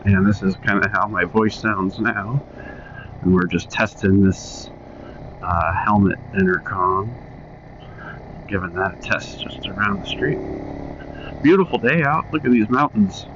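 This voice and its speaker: A fairly low-voiced man talks in a relaxed, chatty way as he rides a motorcycle, heard through a motorbike helmet intercom mic. The sound is muffled and lo-fi, with a faint hum of road noise underneath. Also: unhurried, long pauses. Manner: relaxed, chatty, talking while riding. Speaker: motorcycle vlogger. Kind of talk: casual riding commentary. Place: riding a motorcycle outdoors. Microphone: cheap Bluetooth helmet headset mic.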